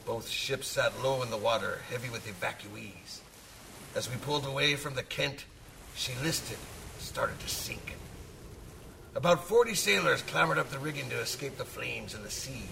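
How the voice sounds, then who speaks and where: An actor playing a gruff, hearty old sailor who savors short phrases as he spins dramatic tales of the sea. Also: mid-range voice, expressive, moderate pace, bright, forceful tone, distant mic, slight background noise. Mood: grave storytelling. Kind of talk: dramatic audio storytelling.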